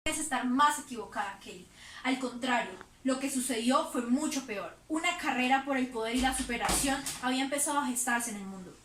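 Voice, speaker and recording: A woman's voice: high voice, a little fast, a bit bright, reverberant, far from the mic, a little hiss or hum. A woman reading assertive lines in a scripted school debate.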